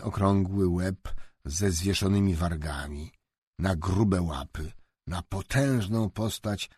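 Slow, expressive, husky male storyteller. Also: low-pitched, no echo, studio quality. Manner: slow, expressive, lively intonation. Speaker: audiobook narrator. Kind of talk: storybook narration.

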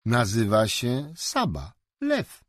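A man reading aloud and voicing a kindly middle-aged father who explains patiently and reassures, slightly higher than his narration. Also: huge pitch swings, slow pace, no room sound, studio quality, exaggerated voice. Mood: reassuring.

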